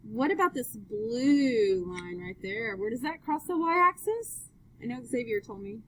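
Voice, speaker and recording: A woman's voice: fairly high pitch, expressive, a little slow, low-quality recording. A woman teaching a math class, upbeat, asking students question after question as she works through graphs. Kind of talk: live classroom lesson.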